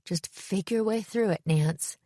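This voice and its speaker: A woman reading an audiobook, voicing a teenage girl who calmly gives matter-of-fact advice to her friend. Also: medium pitch, a little slow, no room sound, clean studio sound, natural voice. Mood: reassuring.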